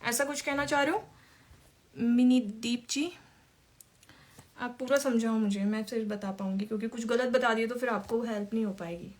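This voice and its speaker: Woman makeup teacher on a live stream, slightly high voice, chatty and informal, answers viewers as she works. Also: fairly even intonation, normal speed, darkish tone.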